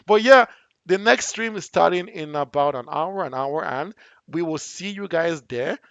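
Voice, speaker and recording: A young man commentating a live game stream on his own, excitable and shouting at big plays, a little hoarse from talking. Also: a little high, measured pace, no echo. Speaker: esports commentator and stream host.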